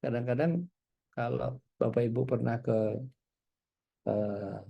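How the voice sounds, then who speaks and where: A man from Indonesia giving a relaxed, conversational religious lecture, telling stories and often pausing with small hesitations. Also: mid-range voice, vocal fry, highs cut off. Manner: relaxed, storytelling, frequent hesitations. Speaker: Islamic preacher.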